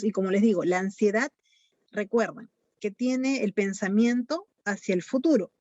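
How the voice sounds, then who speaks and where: A woman's voice: mid-range voice, mellow, no echo. A woman psychologist with a Peruvian Spanish accent, explaining things to parents in an online talk, with lots of fillers. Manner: explanatory, many fillers like "eh" and "este". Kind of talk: online talk answering questions. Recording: dull lo-fi dry sound.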